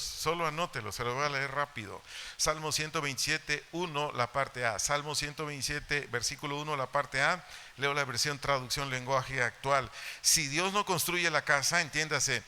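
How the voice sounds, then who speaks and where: Mexican pastor preaching, bright tense voice. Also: male voice, mid-range voice, clean tone. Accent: Mexican Spanish. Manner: repeats key phrases and Bible references for emphasis. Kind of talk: sermon. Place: church hall.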